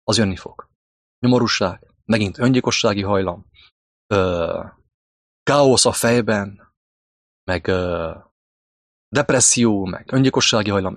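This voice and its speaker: A man preaching a fiery monologue, crude and scolding, repeating himself and breaking into sudden high outbursts. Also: no room sound, clean studio sound.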